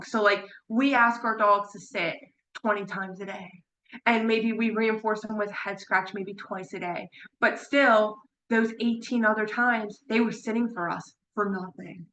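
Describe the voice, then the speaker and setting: Woman, parrot behavior consultant, chatty lecture, bright voice, echoey room. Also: medium pitch, slight background noise. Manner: chatty, repeats words for emphasis, laughs now and then. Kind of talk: informal online lecture. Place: room at home with her birds.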